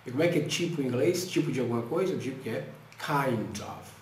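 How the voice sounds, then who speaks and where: A Brazilian man teaching an English lesson, explaining in Portuguese and slowly repeating English phrases for the learner. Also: mid-range voice, echoey room, a little hiss or hum. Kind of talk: language lesson.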